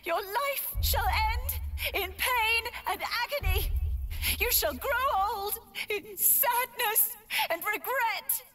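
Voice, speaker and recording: A woman's voice: very high-pitched, slow pace, bright, forceful tone, heavily acted. An actress playing a grieving young woman who curses the men who killed her lover, crying as she speaks. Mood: anguished curse.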